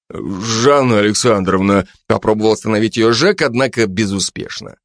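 A man narrating an audiobook in an expressive reading voice. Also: mid-range voice, no echo, studio quality. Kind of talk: scripted narration.

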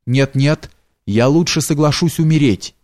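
A man's voice: a little high, measured pace, darkish tone, natural voice. A man voicing a frightened young girl. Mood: desperate. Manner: pleading, crying out.

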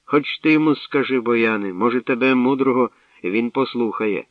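A man's voice: mid-range voice, normal speed, no room sound, voice pushed up, close to an everyday voice. A man voicing an elderly shepherd and anxious father who grumbles and frets, in a tinny, distant radio recording. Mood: grumbling. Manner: fretful, grumbling.

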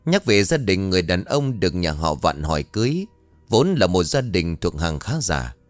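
A man narrates a ghost story in a dramatic scripted reading. His low voice moves lively up and down through the telling. The sound is dry, with soft music beneath. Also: normal speed, no room sound.

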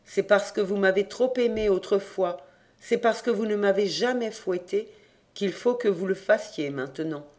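An audiobook reader voicing a dead young man risen from his grave, who speaks in a loud, urgent and commanding voice. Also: medium pitch, moderate pace, lightly acted. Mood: grave insistence.

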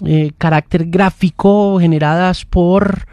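A man's voice: sits high, fairly even intonation, slow pace, a little mellow, no echo. A man hosting a morning radio show, musing aloud in long thoughtful runs with restarts. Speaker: radio host. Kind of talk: casual morning radio chat. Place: radio studio.

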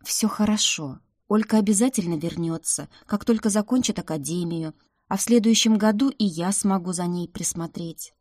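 A woman voicing a gentle, worried teenage brother who speaks softly and thoughtfully in an audiobook. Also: mid-range voice, normal speed, dry recording, studio quality, close to an everyday voice. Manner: soft, thoughtful.

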